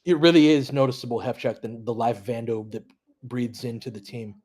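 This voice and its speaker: This host of a fan audio basketball play-by-play stream talks briskly in a mid-range, darkish voice with fairly even intonation. He breaks down the action live while chatting casually with listeners. His style is informal and analytical, with mild swearing.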